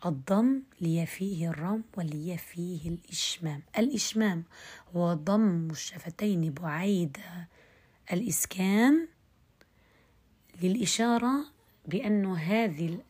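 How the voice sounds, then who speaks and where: A woman teaching recitation rules in an online lesson, explaining step by step, checking that students follow, and reciting example words slowly to show them. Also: on the low side, darkish tone, breathy edge. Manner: explains step by step, checks understanding with quick questions.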